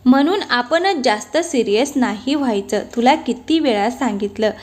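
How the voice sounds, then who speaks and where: A woman's voice: a little high, expressive, normal speed, a little mellow, lightly acted. A woman voicing a young husband who playfully scolds his friends and jokes with his wife, in a storybook reading. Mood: teasing. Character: young husband, teasing and easygoing.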